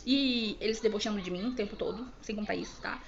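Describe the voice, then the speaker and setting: A young woman from Brazil telling an emotional personal story, fast and full of restarts. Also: medium pitch, lo-fi sound, a little hiss or hum. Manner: rapid, emotional, many fillers and restarts. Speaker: vlogger telling her birth story.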